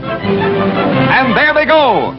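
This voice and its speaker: A man narrating old newsreel sports footage in an excited announcing manner, heard through old film sound. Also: very high voice, drawn-out words. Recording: dull lo-fi film sound with loud music.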